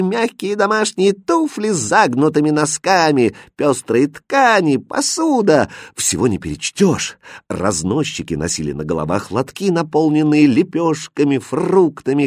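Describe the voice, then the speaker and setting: A man narrating a fairy tale with an expressive, animated reading. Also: lowish voice, breathy edge, no room sound, studio quality. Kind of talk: storybook reading.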